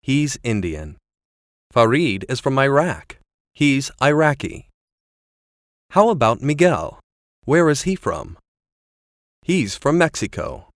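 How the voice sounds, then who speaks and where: A man narrating a short scene in a language lesson, lively and deliberate. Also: mid-range voice, no room sound, studio quality.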